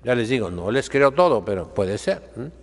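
An older man, a priest, preaching a seated sermon in a chapel, slow and emphatic, with sweeping rises and drops. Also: mid-range voice, very animated, in a large hall. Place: chapel sanctuary, seated by the altar.

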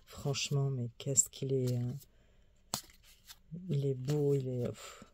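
A woman's voice: extremely low pitch, little pitch movement, slow, mellow, slight background noise. A woman tarot YouTuber chatting casually as she shows and reviews her card decks, easygoing and full of small asides. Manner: chatty, easygoing, many fillers and small laughs. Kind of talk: casual show-and-tell deck review.

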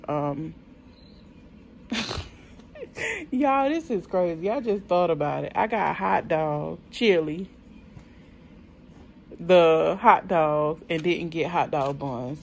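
A woman's voice: deep voice, a little hiss or hum. A woman, chatting unhurriedly to viewers as she shows her grocery haul. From South Carolina. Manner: chatty, unhurried, many ums, addresses viewers as y'all. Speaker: vlogger showing a grocery haul. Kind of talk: casual chat to viewers.

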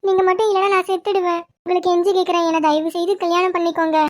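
A woman's voice: very high voice, flat delivery, racing, voice pushed up. Woman voicing a desperate lovesick young woman. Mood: begging. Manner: begging.

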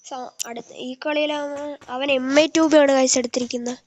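A woman's voice: sits high, steady tone, normal speed, lo-fi sound. A woman with a Malayali accent doing casual live gaming commentary, mixing Malayalam with English words and often addressing viewers as guys. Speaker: game live streamer. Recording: very noisy live stream with clicks.

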